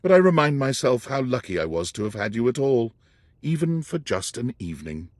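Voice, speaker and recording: A man giving scripted narration in a video game, soft and storytelling. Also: medium pitch, very animated, a little fast, no room sound.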